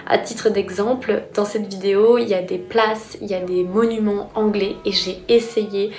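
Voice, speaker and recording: A woman's voice: medium pitch, steady tone, moderate pace, darkish tone, echoey room. A young woman from France, a student vlogger, chatting with enthusiasm in a casual vlog. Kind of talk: casual vlog talk to camera.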